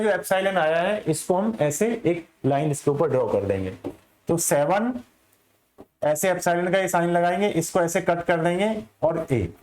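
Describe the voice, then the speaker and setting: A man's voice: high-pitched, a little mellow, echoey room. A man teaching a maths class, explaining step by step and asking and answering his own questions. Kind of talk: classroom lecture.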